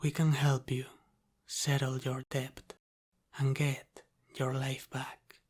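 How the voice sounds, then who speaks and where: A man's soft, deliberate voice, pitched mid-range and completely flat, carries an intimate ASMR roleplay in which he plays a teasing yet protective Italian-American mafia boss. He lapses into whispers at times. The feeling is protective and reassuring.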